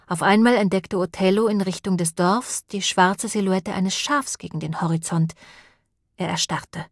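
A woman with a mid-range voice narrates an audiobook in a calm, measured storytelling style. It's scripted narration, recorded dry with studio quality.

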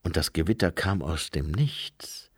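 A man reading aloud and voicing a shrewd, calm old monk in a low, quiet, measured voice. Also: slightly rough, no room sound, studio quality, full character voice.

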